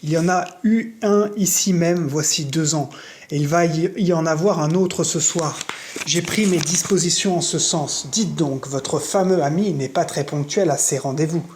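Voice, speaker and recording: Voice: medium pitch, normal speed, darkish tone, a little hiss or hum, natural voice. A reader voicing a cold, menacing American man with an American accent, speaking curtly in an audiobook. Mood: cold menace. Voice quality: cold, threatening, curt.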